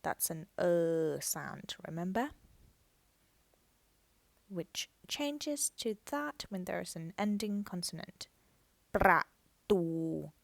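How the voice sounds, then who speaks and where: A woman's voice: lowish voice, vocal fry, no room sound. A woman teaching a language lesson, patiently explaining step by step and repeating words for practice. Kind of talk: slow, careful lesson narration.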